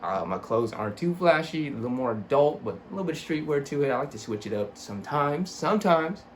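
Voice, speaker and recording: A young adult man reviews sneakers in a small home room with a computer desk, rambling casually, swearing and making fun of himself. He speaks slightly slurred through braces in a fairly high, expressive voice at a fairly quick pace. There's slight background noise.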